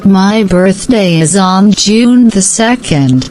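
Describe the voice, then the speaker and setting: A woman giving slow, scripted answers in a repeated language-practice dialogue. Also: medium pitch, animated, a little mellow, a little hiss or hum, rough recording.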